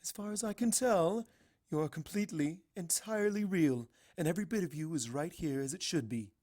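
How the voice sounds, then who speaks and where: A woman voicing a calm, regal mare princess in a storybook reading, with measured, formal, motherly speech. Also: lowish voice, natural voice. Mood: reassuring.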